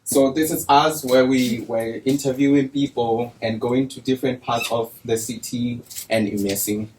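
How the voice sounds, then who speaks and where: A man's voice: medium pitch, steady tone, moderate pace, darkish tone, a little hiss or hum. A young man presenting a student project, hesitant and often repeating words. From Lesotho. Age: young adult. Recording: distant room mic.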